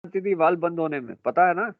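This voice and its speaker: A middle-aged man runs a classroom lecture with a high-pitched voice. He fires questions at his students and calls them beta and bhai. The sound is dry and tinny, like a phone line. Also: expressive, a little fast, no echo. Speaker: marine engineering teacher.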